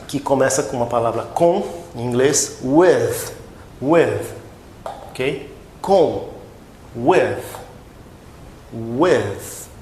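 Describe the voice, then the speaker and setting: A man from Brazil teaching English pronunciation, repeating each word slowly and checking in with his students after every few words. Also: darkish tone. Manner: slow, repeats words for drilling, frequent "tá?" and "ok?" checks. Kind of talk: pronunciation lesson. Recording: echoey room with faint rumble.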